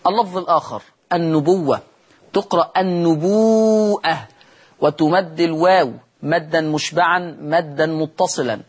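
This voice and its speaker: Man, Egyptian accent, high-pitched, tajweed teacher, quick explanations, long chanted vowels. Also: husky. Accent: Egyptian Arabic. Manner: switches between quick explanation and slow, drawn-out chanted recitation. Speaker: Quran recitation teacher. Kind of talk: televised tajweed lesson.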